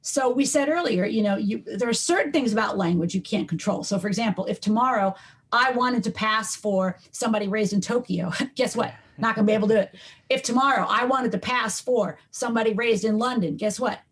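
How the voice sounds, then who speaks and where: A woman's voice: fairly high pitch, brisk, husky. A middle-aged woman from New York, a linguistics professor as podcast guest, explaining at length with frequent ums and restarts. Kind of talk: conversational podcast interview.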